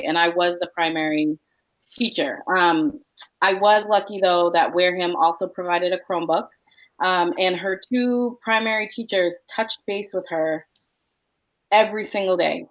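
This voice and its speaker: A woman speaking earnestly in a casual discussion, often pausing on "um". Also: lowish voice. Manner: earnest, with frequent "um" pauses. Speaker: parent panelist. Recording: dull lo-fi sound.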